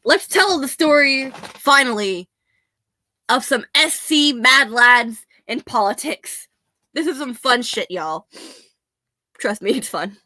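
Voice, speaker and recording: A young woman, a bit hoarse, chatting casually and laughing often as she rambles. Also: sits high, animated, slow pace, pushed and bright, no room sound. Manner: chatty, laughs often, self-deprecating asides. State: slightly hoarse.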